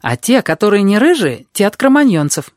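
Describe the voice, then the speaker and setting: A reader voicing a bold, chatty red-haired girl who lectures quickly and jumps between topics. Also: medium pitch, sing-song, no echo, studio quality, pitched above the performer's own voice, natural voice. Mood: bossy. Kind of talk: audiobook character voice.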